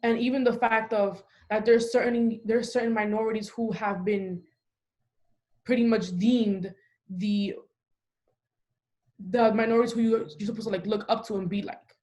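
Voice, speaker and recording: A young woman from the Dominican Republic chats casually on a podcast. She talks in a loose, emphatic way, leaning on "like" as a filler. Her voice sits at an ordinary middle pitch. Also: steady tone, moderate pace, darkish tone. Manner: talkative, frequent "like" fillers, emphatic. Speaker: podcast host.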